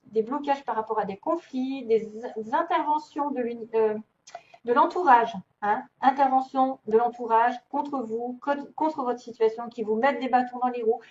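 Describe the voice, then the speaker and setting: A woman's voice: a little high, a little mellow. A woman doing a casual tarot reading, chatty and thinking aloud with many fillers and small laughs. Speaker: tarot reader. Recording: dull lo-fi recording, faint noise.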